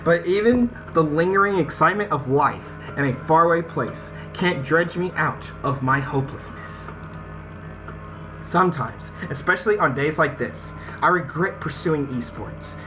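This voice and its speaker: This let's-play narration comes through a low-quality recording with visual novel music behind it. The host's medium-pitched voice is animated and moves at normal speed, reading the game's text aloud, tripping over words now and then, and chatting directly to viewers in casual asides.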